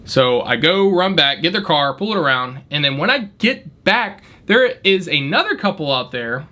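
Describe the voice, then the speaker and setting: Animated, bright-voiced man telling a story. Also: a little high, normal speed. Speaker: valet worker telling a story. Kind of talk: casual storytime vlog.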